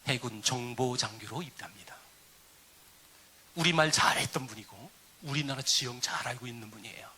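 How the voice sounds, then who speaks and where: A middle-aged man preaching a sermon as a pastor, telling a story with lively swings and hushed quiet stretches. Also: mid-range voice, normal speed.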